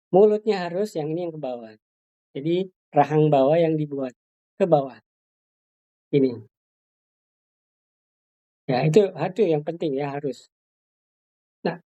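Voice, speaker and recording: A soft-spoken woman leads a hands-on workshop for Sunday school teachers, her voice sitting low and mellow. She explains patiently, with plenty of fillers and restarts as she demonstrates. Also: muffled recording.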